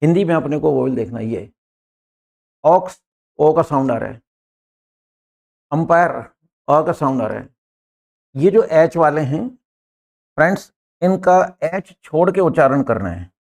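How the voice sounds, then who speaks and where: A man's voice: on the high side, lively intonation, unhurried, creaky, pauses often, a little mellow. A man teaching English grammar, explaining step by step, repeating each point and addressing viewers as friends. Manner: points at words on a board as he explains. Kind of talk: explanatory lesson.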